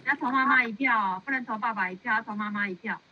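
A woman nun counseling a follower in a casual, animated way, laughing often and repeating words for emphasis. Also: a little high, fast talker, a little hiss or hum. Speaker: Buddhist nun giving counsel. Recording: muffled lo-fi sound.

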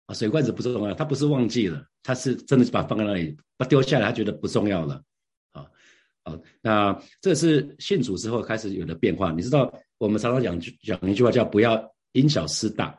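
Husky-voiced pastor, middle-aged. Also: male voice, fairly low pitch, expressive, fast talker, darkish tone. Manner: earnest, conversational, with rhetorical questions to the listeners. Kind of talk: devotional Bible sharing.

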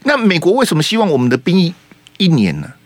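A man with a Taiwanese Mandarin accent hosts political talk radio in a fairly high, very lively voice that swings up and down. He talks heatedly and hammers listeners with rhetorical questions, and the sound is close and dry. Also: fast, no echo. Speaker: radio talk show host.

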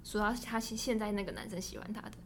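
A young woman with a Taiwanese Mandarin accent, co-hosting a podcast and telling stories in a rapid, breathless casual chat. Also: medium pitch, fairly even intonation, background noise. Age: young adult. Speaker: podcast co-host.

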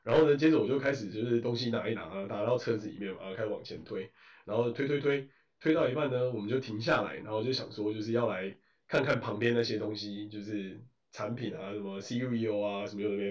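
A man with a Taiwanese Mandarin accent telling a story in casual chat, animated, swearing and mixing in English phrases. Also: on the low side, fast. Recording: roomy, distant, dull lo-fi.

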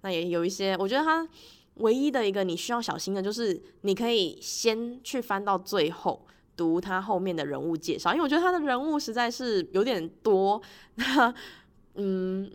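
Woman, podcast host, mid-range pitch, casual monologue, chatty, expressive storytelling. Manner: laughs often while talking.

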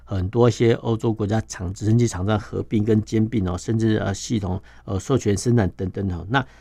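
A defense journalist, male and Taiwanese Mandarin-accented, appears as an interview guest and explains steadily and step by step, his sentences full of filler particles. He speaks a little fast in a lowish voice with vocal fry. The recording is dry.

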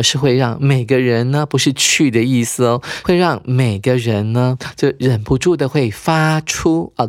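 A man's voice: medium pitch, no echo, clean studio sound. A man teaching an English lesson, patiently explaining words and spelling them out letter by letter. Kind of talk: radio-style English lesson.

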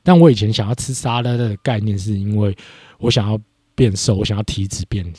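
A young man with a low, husky voice talks through his own experience in a relaxed podcast chat. He is reflective, and he livens up when he retells conversations. The sound is dry and close. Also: a little fast, dry recording. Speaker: podcast co-host. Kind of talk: casual chat.

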